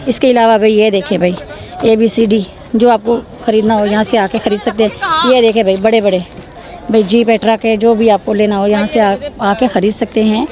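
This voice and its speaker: A woman's voice: mid-range voice, fairly even intonation, moderate pace, crowd noise. A woman with a Pakistani accent hosting a market vlog outdoors, selling the goods to viewers in repetitive patter that urges them to come and buy. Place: outdoor street bazaar.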